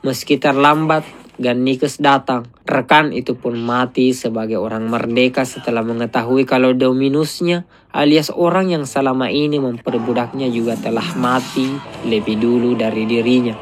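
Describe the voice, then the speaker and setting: A man doing a steady, scripted voice-over that retells a film's plot. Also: mid-range voice, moderate pace. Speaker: film recap narrator. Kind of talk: scripted narration.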